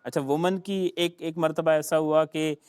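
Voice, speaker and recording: A man from Sindh, Pakistan, a Sindhi speaker, teaches English grammar in class with a fairly high, darkish, smooth voice, fairly even and at normal speed, free of echo. He spells out words letter by letter, repeats them, and addresses students as "beta."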